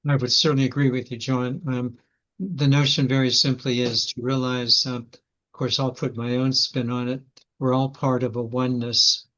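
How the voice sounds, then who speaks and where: A man leading a group discussion, speaking in a calm, measured way and steering the session. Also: mid-range voice. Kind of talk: casual discussion. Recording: dull lo-fi audio.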